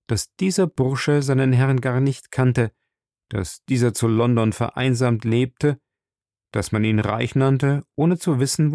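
A man reading a classic adventure novel aloud as narrator, in measured storytelling. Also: mid-range voice, darkish tone, dry recording, clean studio sound. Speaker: audiobook narrator. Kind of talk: scripted narration.

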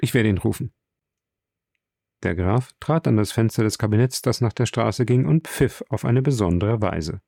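A man narrating a classic novel as an audiobook, measured and even. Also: on the low side, vocal fry, no room sound, clean studio sound.

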